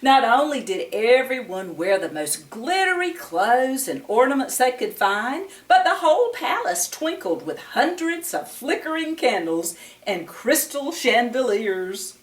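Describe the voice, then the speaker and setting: At a measured pace with hardly any pauses, a woman with a highish voice and big pitch swings reads and talks to small children. Her sing-song storytime, led as a storyteller and Bible teacher, includes questions for the kids. It's recorded with a distant microphone in an echoing room.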